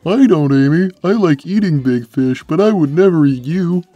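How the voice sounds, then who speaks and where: A man voicing a big, simple-minded, gentle cartoon cat who talks slowly and placidly, taking everything literally. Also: on the high side, expressive, no room sound, muffled recording, faint music behind. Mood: placid, dim. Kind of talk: cartoon character answering fan questions.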